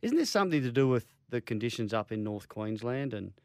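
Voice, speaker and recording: A man's voice: medium pitch, big pitch swings, fairly quick, smooth, no echo, clean studio sound. An Australian man co-hosting a radio sports show with wry, matey, blokey banter. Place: radio studio. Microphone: close studio broadcast mic.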